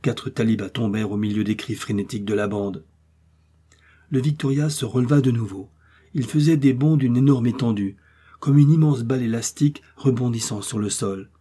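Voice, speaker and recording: A man reading a classic adventure novel aloud as scripted audiobook narration, in a steady, measured way. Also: mid-range voice, husky. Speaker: audiobook reader.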